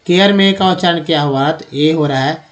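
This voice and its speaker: A man teaching English pronunciation, asking and answering his own questions in a steady drilling rhythm. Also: fairly high pitch, a little fast. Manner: addresses viewers as friends. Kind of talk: explaining with written examples on screen.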